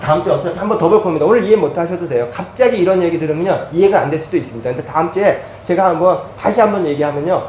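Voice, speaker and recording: A man's voice: fairly high pitch, a little mellow, echoey room, distant mic, slight background noise, poor audio. A man preaching as a pastor, giving a teaching sermon. He goes through a chart step by step.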